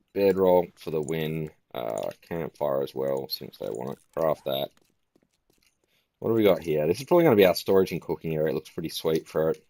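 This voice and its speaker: A tired man giving casual gameplay commentary in a flat, musing way. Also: very deep voice, vocal fry. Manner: self-described monotone, relaxed and musing.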